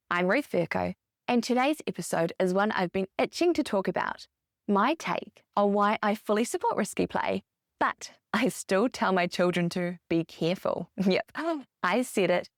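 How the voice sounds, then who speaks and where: A woman in her thirties hosts her own podcast in an upbeat, explanatory way, leaning on key words as she goes. Her voice sits at a middle pitch. The recording is dry and close, with no room echo. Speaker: podcast host. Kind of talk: scripted podcast monologue.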